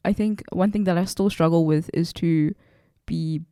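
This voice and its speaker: A woman's voice: fairly low pitch, fairly even intonation, moderate pace, dark tone, clear, resonant tone, no room sound, clean studio sound. A young woman with a South African accent talking casually as a podcast guest. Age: young adult. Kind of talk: casual conversation.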